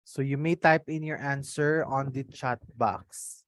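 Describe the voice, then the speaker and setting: A Filipino online trainer with a mid-pitched voice teaches in a mix of Tagalog and English. The native Tagalog speaker switches language mid-sentence and keeps adding little check-in tags. The sound is close and dry, with very little room. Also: measured pace, no room sound. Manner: frequent tag questions checking on listeners. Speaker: trainer leading an online customer service course. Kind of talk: interactive online lesson.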